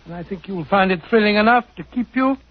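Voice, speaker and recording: An actor playing a genial elderly English doctor, courteous and chatty in old-fashioned 1940s radio style. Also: male voice, high voice, fast talker, natural voice. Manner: chuckling, courteous, old-fashioned gentlemanly bluster. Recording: dull, muffled 1940s radio recording.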